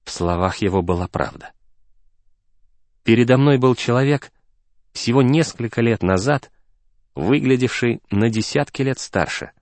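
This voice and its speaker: A man reading a first-person story aloud as an audiobook narrator, in an even, steady manner. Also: mid-range voice, measured pace, pauses often, dry recording.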